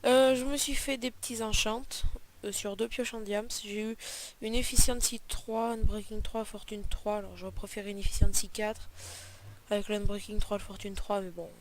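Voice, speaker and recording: A woman's voice: mid-range voice, steady tone, normal speed, a little hiss or hum. Chatty woman narrating her gameplay. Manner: chatty and rambling, with frequent fillers and self-corrections. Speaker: let's play host. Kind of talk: casual gameplay commentary.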